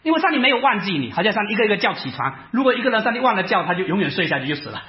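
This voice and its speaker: A man preaching a sermon, animated, asking rhetorical questions and acting out his listeners' doubts. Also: sits high, very fast. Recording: echoey room, slightly dull sound.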